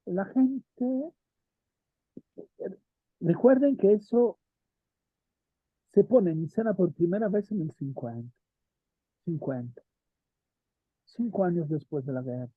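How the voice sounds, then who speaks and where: Teaching theater history to a small group, a man thinks out loud, quizzes his students, and tags on "¿no?" frequently as the lecture turns into discussion. His high-sitting voice is expressive and slow with long pauses, recorded with phone-quality sound and no echo.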